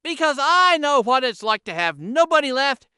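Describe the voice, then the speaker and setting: A woman voicing a quiet, kind rancher man. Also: sits high, sing-song, normal speed, no echo, clean studio sound, heavily acted. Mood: gentle. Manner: quiet, gentle, few words.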